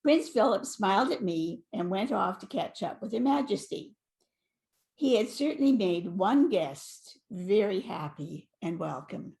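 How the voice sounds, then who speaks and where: Older lady reading her story, gentle, voice goes up and down a lot. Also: mid-range voice, lively intonation, unhurried, vocal fry. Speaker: guest sharing a memory. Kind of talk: reading a prepared anecdote.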